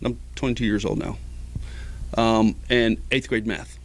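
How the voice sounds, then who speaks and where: A man's voice: fairly low pitch, steady tone, unhurried, gravelly, noisy background. Middle-aged man telling a story. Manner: rambling, many fillers, acts out quoted voices. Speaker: interview guest, ski patroller. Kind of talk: casual storytelling.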